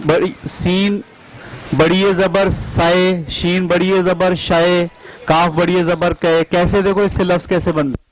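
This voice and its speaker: Slow, high-voiced man teaching pronunciation. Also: flat delivery, poor audio. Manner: slow, drills sounds by spelling them out and repeating. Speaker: teacher trainer. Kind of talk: classroom instruction.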